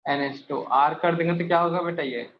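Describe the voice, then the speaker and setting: Male chemistry teacher, slightly high voice, quizzes the class; echoey room, dull lo-fi sound. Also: fairly even intonation, a little fast. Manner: quizzes students, calls them beta. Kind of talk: classroom lecture. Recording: echoey room, muffled, faint hiss.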